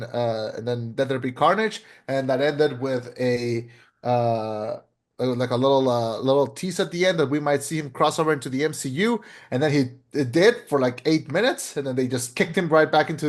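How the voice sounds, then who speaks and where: Brief: young male podcast host, slightly higher voice, blunt, casual, swears a lot. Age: 20s. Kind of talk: casual movie review chat.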